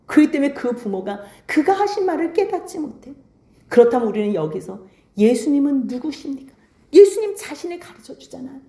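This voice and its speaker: A woman pastor preaching a sermon, swinging between soft hushed lines and emphatic high calls. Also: sing-song, a little fast, echoey room.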